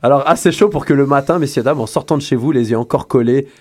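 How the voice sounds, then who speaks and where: A man hosting a radio chat in a studio, voice sitting at an ordinary middle pitch. He jokes and teases in a loose, playful way, with frequent fillers. Relaxed, casual radio talk. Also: quick pace. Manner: playful, teasing, hesitant with fillers. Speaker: radio show host.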